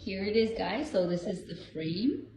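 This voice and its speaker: A woman with the hiccups chats casually as she hosts a home vlog. She talks at a mid pitch in an echoey room. Clear background noise runs under her voice. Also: lively intonation, unhurried. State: has the hiccups. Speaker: vlog host. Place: home indoors.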